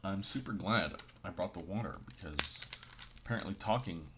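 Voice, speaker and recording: A man's voice: low-pitched, animated, moderate pace, noisy background. A man casually chatting with a sore throat as he opens card packs, reading card names aloud with playful asides. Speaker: host opening trading card packs. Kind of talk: casual chat.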